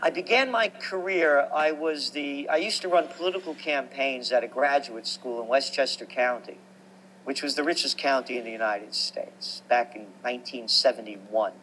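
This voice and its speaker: A man, telling stories about his life as a guest in an animated, emphatic way. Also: medium pitch, normal speed, slight background noise, low-quality recording. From New York. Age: 60s. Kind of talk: conversational storytelling.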